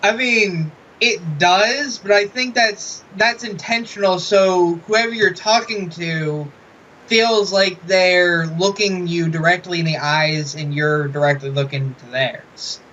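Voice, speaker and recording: A man hosting an interview, asking questions in a soft, slightly mumbling, hesitant way from inside a fursuit head. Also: high voice, steady tone, slow pace. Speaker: interviewer, channel host. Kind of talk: casual interview. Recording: muffled, dull audio with hiss.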